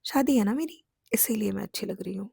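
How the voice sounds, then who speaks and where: A woman's voice: mid-range voice, fairly quick, vocal fry, dark tone, breathy edge, no echo, studio quality, full character voice. A woman reading the lines of a playful young bride in a storybook romance. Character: cheerful young bride Ana.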